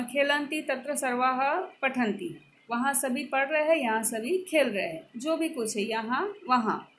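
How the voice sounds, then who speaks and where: Brief: woman schoolteacher, higher voice, slow deliberate delivery, faint room hiss. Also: low-quality recording. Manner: slow, deliberate, repeats each word with its meaning. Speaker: school Sanskrit teacher. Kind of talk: classroom lesson explaining grammar.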